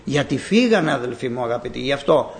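A man preaching a sermon with fervent, repetitive exhortation, swinging between quiet asides and loud emphatic lines. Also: mid-range voice, expressive.

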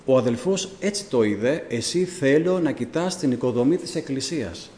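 A man, a deacon, telling his testimony to a church congregation in animated storytelling, acting out the dialogue of the people in it. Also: medium pitch, in a large hall, a little hiss or hum.

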